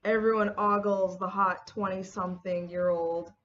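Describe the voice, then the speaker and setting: A woman's voice: mid-range voice, steady tone, normal speed, fairly bright tone, highs cut off. A woman in her early thirties chatting casually in a get-ready-with-me vlog, telling stories with lots of "like" and retold dialogue. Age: 30s. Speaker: beauty vlogger.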